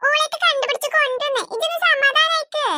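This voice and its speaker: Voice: extremely high pitch, steady tone, quick pace, sharp tone, no room sound, full character voice. A performer voicing a cartoon village woman who coaxes and reassures her friend. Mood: coaxing. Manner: coaxing, reassuring.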